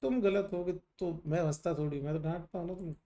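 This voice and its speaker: A man's voice: a little high, fast, dark tone. A middle-aged male teacher lecturing a class on ayurveda, teasing and scolding students while mixing in English terms.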